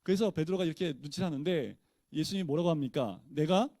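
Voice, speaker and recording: A man's voice: fairly high pitch, fast talker, mellow, no echo. A male pastor teaching a Bible study in a casual, conversational way, often posing questions to his listeners and answering them himself.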